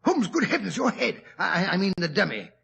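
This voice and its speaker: An actor playing a fussy, easily startled doctor sidekick in 1940s radio drama style, blustering and stammering. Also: male voice, sits high, sing-song, brisk, vocal fry, a bit bright, slightly rough, heavily acted. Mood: nervous.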